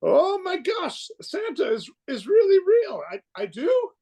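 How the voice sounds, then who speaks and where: A man's voice: very high voice, huge pitch swings, a little slow, mellow, heavily acted. A man playing an earnest, flustered, kindly Scarecrow in an amateur radio play, with a hesitant, stammering delivery. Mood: awed.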